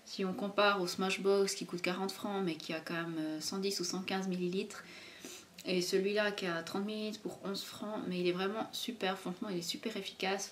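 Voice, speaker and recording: A woman's voice: mid-range voice, a little hiss or hum. A young woman, chatting casually about her favorite products as a beauty vlogger, hesitant and full of fillers. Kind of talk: casual product review chat.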